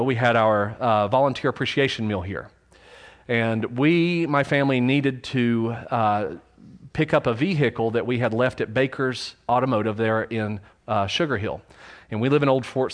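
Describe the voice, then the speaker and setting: A man preaching a sermon from his church pulpit, his voice sitting at an ordinary middle pitch. He tells personal stories candidly and pokes fun at himself, often stopping to restart a sentence or reach for a filler word. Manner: candid, self-deprecating storyteller with frequent fillers and restarts. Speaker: pastor.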